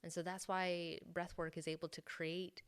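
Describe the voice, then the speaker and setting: A woman hosting a solo podcast, calmly explaining and talking about her own sobriety. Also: fairly low pitch, moderate pace, clean tone. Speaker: podcast host.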